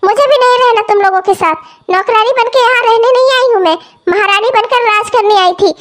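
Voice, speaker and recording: Woman voicing a cartoon stepmother, young, harsh, quarrelsome, scolding, very high voice. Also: a little fast. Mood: defiant. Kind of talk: cartoon voice acting.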